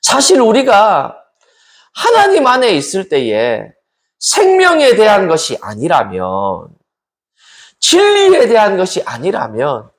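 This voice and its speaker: A man leads a midweek Bible study as a pastor, preaching and turning often to his listeners with questions. His voice sits high and swings widely in pitch, rising and falling with emphasis. He sounds animated and engaged as he addresses the congregation. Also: slow.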